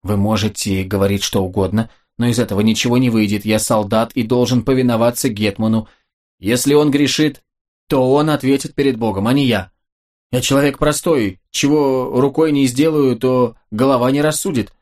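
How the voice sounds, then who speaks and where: A man voicing a panicking, simple-minded young officer in an audiobook, with loud anguished outbursts. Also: medium pitch, fairly even intonation, moderate pace, close to an everyday voice. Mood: stubborn.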